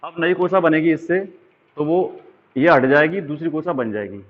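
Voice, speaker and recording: A man's voice: fairly high pitch, lively intonation, normal speed. Male teacher, exam-prep biology lesson, draws as he explains, checks in often, thin phone-like audio. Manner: explaining while drawing diagrams, frequent check-ins. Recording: tinny phone-like sound.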